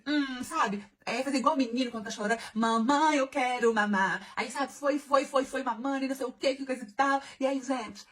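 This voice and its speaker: A woman, telling a bawdy personal story in an animated, giggly, confiding way. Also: a little high, husky. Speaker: vlogger.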